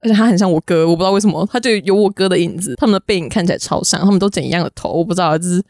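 A young woman with a Taiwanese Mandarin accent, a podcast guest telling stories in a rapid, giggly, chatty way. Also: fairly low pitch, darkish tone, no room sound. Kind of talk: casual storytelling chat.

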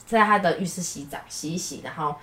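A woman's voice: lowish voice, brisk, fairly bright tone, echoey room. A woman from Taiwan with a Taiwanese Mandarin accent, telling her own stories animatedly as a podcast co-host, laughing often at herself. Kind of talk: casual chat, storytelling.

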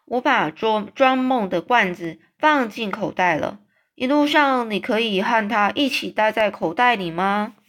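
A woman voicing a huge, gentle, friendly male giant in a storybook read-aloud, talking in a raised, fussy, complaining tone. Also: a little high, expressive, measured pace. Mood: kindly.

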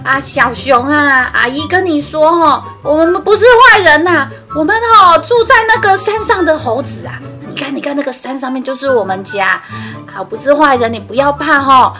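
Woman as chatty monkey mother, fillers, bright, storybook. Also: high-pitched, expressive, moderate pace, hardly any pauses, faint music behind, exaggerated voice. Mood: fussing. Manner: chatty, fussing, many fillers. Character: fussing, kindly monkey mother.

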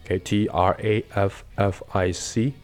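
A man teaching English pronunciation in a lesson, explaining patiently and demonstrating words slowly. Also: on the low side, steady tone, darkish tone, faint music behind. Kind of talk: radio-style English lesson.

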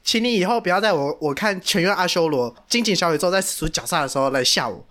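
A man's voice: sits high, expressive, fast talker, pushed and bright. A man co-hosting a casual podcast, telling a story animatedly and repeating himself for emphasis. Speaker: podcast co-host.

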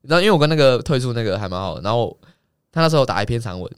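A man's voice: medium pitch, clean tone, no room sound, clean studio sound. A young man, telling a story in a casual chat, swearing freely as he talks. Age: young adult. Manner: rapid, swearing, animated anecdote telling. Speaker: guest.

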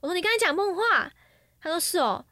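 A woman, chatting in an excitable way in casual chat. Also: very high voice, fast, no echo, clean studio sound. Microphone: studio mic.

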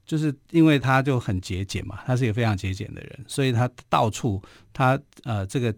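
A man with a Taiwanese Mandarin accent hosts a radio history program, speaking in a loose storytelling way that is dotted with little filler particles. His voice sits at a middling pitch. The studio sound is dry and close. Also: brisk, no echo. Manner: chatty, frequent filler particles.

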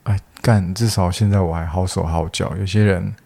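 A man co-hosting a casual podcast chat with a Taiwanese Mandarin accent, talking in a relaxed, blunt way. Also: sits low, normal speed, vocal fry. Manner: relaxed, blunt, drops mild swears. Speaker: podcast co-host.

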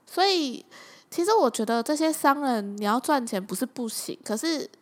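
A young woman with a Taiwanese Mandarin accent, hosting a casual chat and telling stories in a lively, chatty way. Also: high-pitched, moderate pace. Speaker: podcast host.

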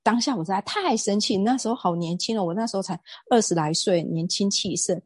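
Woman guest, emphatic storyteller, breathy and close, dry room. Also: medium pitch, fairly quick, a little mellow, no room sound. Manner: earnest, emphatic storytelling with hesitations. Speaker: guest speaker on sexual assault prevention. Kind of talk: casual conversational interview.

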